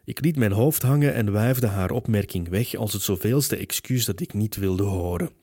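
A man narrating a first-person story as an audiobook in a measured storytelling manner. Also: lowish voice, dark tone, husky, dry recording, clean studio sound.

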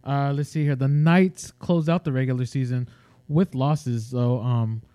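Californian male co-host, halting casual delivery, mellow tone, dry close mic. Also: medium pitch, fairly even intonation, clear, resonant tone, no echo. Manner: hesitant, many fillers and restarts. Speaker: sports podcast co-host. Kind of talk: casual sports chat.

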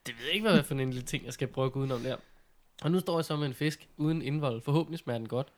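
A man speaks in a middle register, chatting casually as a co-host. He tells things in an animated, informal way, with mild slang thrown in. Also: medium pitch. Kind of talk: casual chat.

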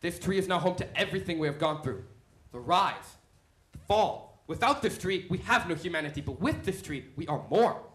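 A man's voice: on the high side, animated, moderate pace, fairly bright tone. A man playing a strict, devoted head programmer and father in a stage play. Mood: stern. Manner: stern, preaching. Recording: roomy stage sound.

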